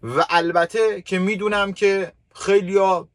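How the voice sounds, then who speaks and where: High-voiced man with a dry, close sound. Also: fairly even intonation, no echo. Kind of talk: casual chat.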